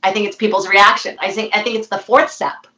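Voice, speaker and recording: A woman's voice: mid-range voice, fairly even intonation, a little fast, bright, forceful tone. Female guest, reflective, off-mic with echo. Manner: thoughtful, searching for words. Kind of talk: casual chat. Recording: roomy, distant, dull audio.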